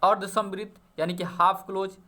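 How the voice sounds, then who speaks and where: A man's voice: high-pitched, level tone, normal speed, pushed and bright. A man teaching an exam-prep grammar lesson, explaining step by step and checking often that students follow. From Bihar.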